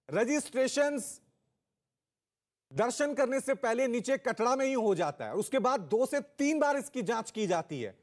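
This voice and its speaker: A male news anchor reading a bulletin and putting urgent questions to a field reporter. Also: sits high.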